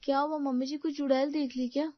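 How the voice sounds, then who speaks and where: A woman plays a put-upon young daughter-in-law in a storybook tale, grumbling and exasperated in a fairly high voice. The recording is close, dry and a little dull. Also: flat delivery, fast talker, dry recording, lightly acted.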